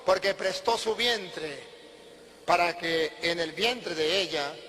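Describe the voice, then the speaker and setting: Man preaching, emphatic, quizzes and answers himself, very high forceful voice, reverberant hall. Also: slow. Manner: emphatic, asks questions and answers them himself. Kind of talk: sermon.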